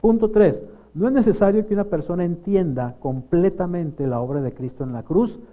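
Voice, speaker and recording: Middle-aged pastor, fairly high voice, lively sermon with questions to the flock, muffled recording. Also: male voice, moderate pace. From Colombia. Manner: lively preaching with questions to the congregation.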